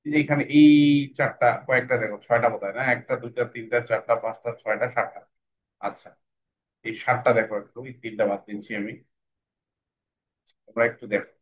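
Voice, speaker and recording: A man teaching English phonics to young students in an online class, patiently and slowly repeating sounds for them to copy. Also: medium pitch, steady tone, muffled recording.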